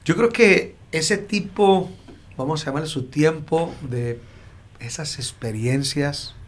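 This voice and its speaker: A man, a pastor hosting a podcast who asks thoughtful, gentle questions. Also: fairly high pitch, takes it slowly. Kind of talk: interview.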